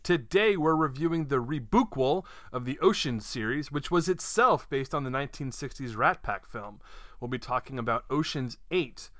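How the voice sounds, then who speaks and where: Male podcast host, bright forward voice, playful ribbing, meandering casual delivery. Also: mid-range voice, expressive, moderate pace, no room sound, clean studio sound. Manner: teasing, rambling explanations.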